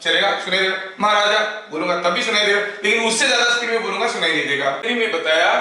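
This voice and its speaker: A male physics teacher lecturing a class, explaining step by step, asking questions and drawing out words slowly as he dictates notes. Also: high voice, sharp tone. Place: echoey classroom. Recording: very echoey room, mic far off.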